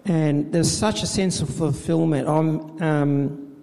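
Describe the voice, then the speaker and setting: A middle-aged man tells his story of faith in a halting way, with many fillers and restarts, recorded in a church with a long reverb. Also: a little high, fairly even intonation, vocal fry, dark tone. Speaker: church volunteer administrator. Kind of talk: personal faith testimony in interview.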